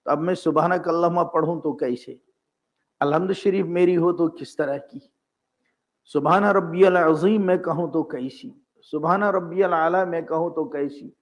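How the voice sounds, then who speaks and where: A man's voice: a little high, normal speed. An older man giving an earnest sermon in a mosque, explaining his points patiently and reciting Arabic phrases between them. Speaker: Islamic scholar and preacher. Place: mosque gathering. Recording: dull, muffled lo-fi recording.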